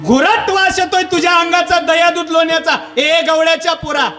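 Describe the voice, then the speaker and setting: A man's voice: very high voice, fairly even intonation, moderate pace, voice pushed up. A man voicing a crooked scornful woman. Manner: scolding, pleading. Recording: echoey hall with music behind.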